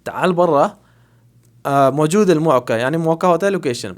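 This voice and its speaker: Male language teacher with a Pakistani Urdu accent, slightly high voice, casual and patient, repeats phrases and checks in often. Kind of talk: casual spoken language lesson.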